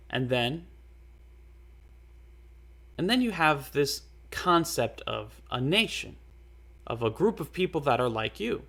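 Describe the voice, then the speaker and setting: A man's voice: medium pitch, vocal fry, a bit bright. A man giving a casual, rambling lecture, often repeating words and using fillers.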